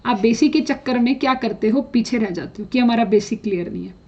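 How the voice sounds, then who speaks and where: A woman chemistry teacher gives students blunt exam-prep advice, scolding them directly and slipping English phrases into her speech. Her voice is on the high side with a dark tone, she talks briskly, and the recording sounds dull and lo-fi.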